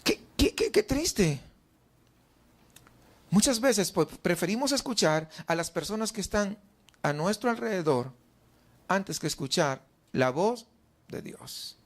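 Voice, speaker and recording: A man's voice: sits high, very animated, slow, pauses often. A male pastor with a Mexican Spanish accent preaching a sermon in church, asking the congregation question after question and acting out their doubts. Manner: asks the congregation many rhetorical questions; acts out the doubts of the faithful in a raised voice.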